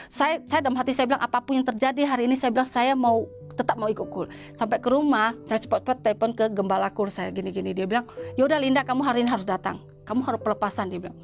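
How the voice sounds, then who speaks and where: A woman giving a church testimony in an interview, talking in a halting way with many restarts. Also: a little high, fairly even intonation, creaky, soft background music. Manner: halting, with frequent restarts and repeated words.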